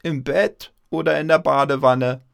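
A man's voice: fairly low pitch, very animated, normal speed. Man doing a teasing old grandma. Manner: bright, teasing, lilting.

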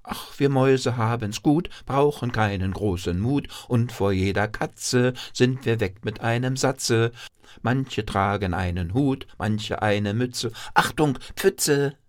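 A man's voice: very animated, measured pace, slightly rough, heavily acted. A man voicing a chirpy, boastful female town mouse in a piping voice. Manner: squeaky, piping.

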